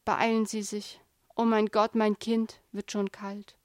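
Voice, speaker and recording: A woman's voice: medium pitch, level tone, a little slow, darkish tone, no room sound, lightly acted. Woman reading a desperate grieving man, urgent and pleading, dry close sound. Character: desperate grieving man holding a dying child.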